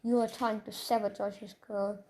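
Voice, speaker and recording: A woman's voice: mid-range voice, little pitch movement, moderate pace, mellow, natural voice. Woman doing a stern suspicious schoolboy hero. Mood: accusing.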